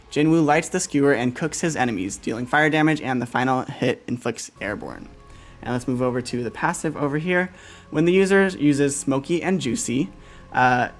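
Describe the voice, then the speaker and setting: A man hosts a casual game livestream, upbeat and quick to laugh, running through weapon stats with lots of fillers. His voice is medium in pitch.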